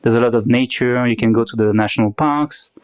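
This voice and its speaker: A man in his thirties from Paris with a French accent, a guest chatting casually in a relaxed, hesitant way. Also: mid-range voice, a little fast, clear, resonant tone, no echo. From Paris, France. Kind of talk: casual chat.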